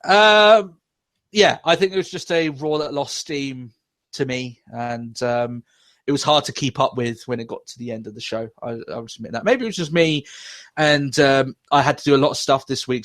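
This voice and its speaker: Rambling and swearing through a wrestling review, the young podcast host laughs frequently in his casual chat. He speaks at a normal speed in a mid-range, slightly bright voice, recorded with no echo.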